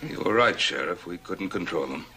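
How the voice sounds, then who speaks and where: An actor playing a stern, challenging western rancher who speaks in a deliberate, probing way. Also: male voice, deep voice, lively intonation, sharp tone, recorded from a distance. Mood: resigned. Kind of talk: 1950s television western acting.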